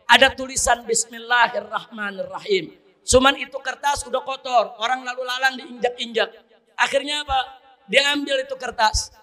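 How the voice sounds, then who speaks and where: A man delivers a sermon, telling a story with fervent intensity. His voice sits very high for a man, and he climbs into passionate, loud declarations as the tale builds. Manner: fervent, rising to impassioned shouts in quoted prayers. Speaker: preacher.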